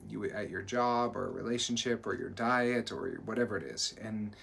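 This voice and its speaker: A man's voice: on the low side, moderate pace, vocal fry, a bit bright, slight background noise. A man co-hosting a live stream as a performance coach, talking earnestly and encouragingly, often restarting his sentences. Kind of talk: motivational live-stream talk.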